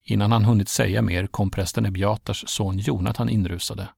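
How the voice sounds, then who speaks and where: A man reads a Bible story as narrator, steady and measured. His voice sits low with a deep, constant gravelly fry. The recording is dry and close, with no room sound. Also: no room sound.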